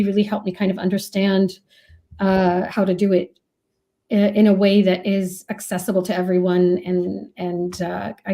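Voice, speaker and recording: A mellow, medium-pitched voice belongs to an Iraqi woman who is an author and professor, appearing as an interview guest. She talks conversationally, offering thoughtful, reflective answers.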